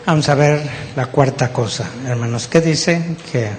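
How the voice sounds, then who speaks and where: Man, Mexican accent, pastor, sermon, unhurried, teacherly, reverberant church hall. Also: on the high side, a little hiss or hum. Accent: Mexican Spanish. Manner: teacherly, spells out words and checks in with the congregation.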